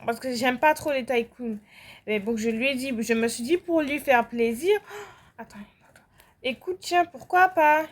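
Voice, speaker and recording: A young woman with a French accent chats casually as she plays, her voice sitting high. She rambles through fillers and restarts and breaks into sudden outbursts. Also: a little slow. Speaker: gaming vlogger. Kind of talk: casual chat while playing.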